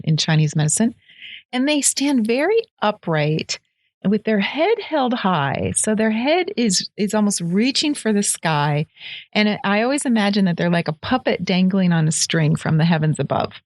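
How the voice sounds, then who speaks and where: A woman's voice: fairly low pitch, no echo. A woman co-hosting a podcast in casual chat, explaining things with vivid images. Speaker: co-host.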